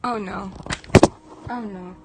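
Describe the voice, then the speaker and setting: A woman's voice: medium pitch, steady tone, slow pace, very noisy. A woman vlogging casually as she nervously narrates her own haircut, with lots of exclamations and swearing.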